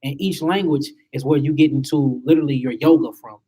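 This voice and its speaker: A man's voice: medium pitch, brisk, dark tone, breathy edge. A man giving an emphatic spiritual lecture to a small group, asking his listeners rhetorical questions.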